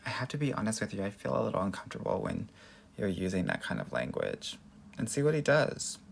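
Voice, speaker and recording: A low-voiced American man chats like everyone's sassy best girlfriend on a casual livestream. His delivery is effusive and girly, with plenty of gravelly fry underneath. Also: huge pitch swings, fast, a little hiss or hum. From Los Angeles, United States. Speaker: dating coach and livestream host. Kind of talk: casual livestream chat answering viewer questions.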